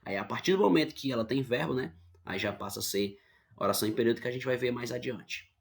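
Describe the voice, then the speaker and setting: A man's voice: mid-range voice, quick pace, vocal fry. A male teacher with a Brazilian accent giving an online grammar lesson, explaining patiently and often checking in with his students. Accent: Brazilian Portuguese.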